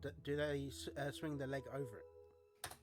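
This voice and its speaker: A man playing a tabletop role-playing game, chatting casually in a halting way. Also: medium pitch, level tone, soft background music. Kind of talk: casual chat.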